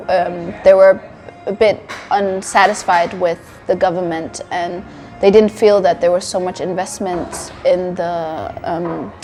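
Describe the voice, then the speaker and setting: A woman in her twenties from Sierra Leone, raised in Denmark, answering interview questions in a thoughtful, steady way with frequent ums, recorded in a cafe. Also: on the low side. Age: 20s. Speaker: interview guest, wellness coach. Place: indoor cafe.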